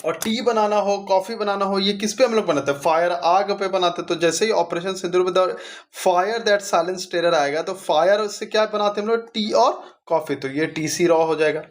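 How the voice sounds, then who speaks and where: A man's voice: high voice, normal speed. A male exam coaching teacher revising memory tricks, asking questions and answering them himself in a chatty, friendly way. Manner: chatty, addresses students as bhai.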